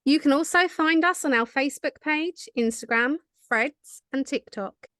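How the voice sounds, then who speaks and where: A woman co-hosts a podcast in a high voice, playful and teasing in casual chat. The sound is dry, with no room echo. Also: normal speed, fairly bright tone. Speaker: podcast co-host.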